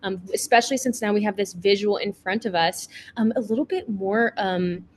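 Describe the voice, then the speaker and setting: A woman's voice: mid-range voice, moderate pace, a little hiss or hum. A woman moderating a virtual panel discussion over a video call, upbeat and full of fillers as she invites guests to speak.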